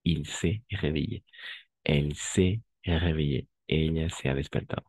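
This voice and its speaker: A man teaching a live online class, repeating phrases slowly to drill pronunciation and often checking that his students follow. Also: extremely low pitch, darkish tone, breathy edge. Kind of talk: online language lesson.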